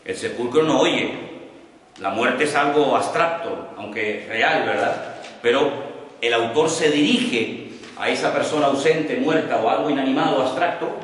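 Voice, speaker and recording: Pastor teaching in an echoey hall. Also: male voice, medium pitch. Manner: repeats points slowly for note-taking. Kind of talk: Bible study teaching. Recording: echoey church hall, distant mic.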